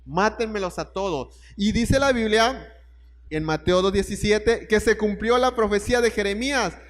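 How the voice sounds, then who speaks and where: A man's voice: high voice, moderate pace, in a large hall. A man preaching a sermon, telling the story and putting questions straight to his listeners.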